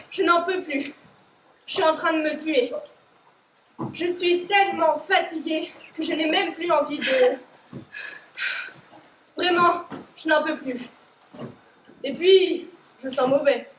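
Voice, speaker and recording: A woman's voice: high-pitched, a bit bright, a little hiss or hum. A teenage girl acting in a school stage play as a blunt, exhausted young working woman, recorded from far off in an echoey hall. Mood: weary. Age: teens. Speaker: high school stage actor.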